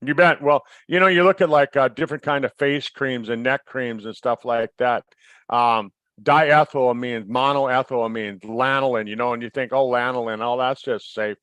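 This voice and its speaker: A man's voice: medium pitch, steady tone, normal speed, fairly bright tone, no room sound, lo-fi sound. A man co-hosting a wellness webinar from home, talking in a casual, emphatic, rambling way that often repeats words. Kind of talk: casual chat.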